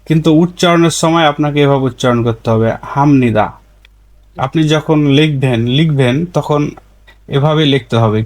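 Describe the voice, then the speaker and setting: A man teaching a language lesson, patiently explaining rules and slowly repeating each example word twice. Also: on the high side, darkish tone. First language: Bengali.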